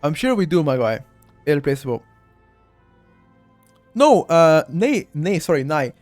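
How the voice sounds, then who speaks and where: Very animated yet measured in pace, this fairly high, darkish male voice belongs to a Bulgarian-accented streamer walking through a game. He chats with his audience directly and often says things twice. Soft music accompanies a dry recording.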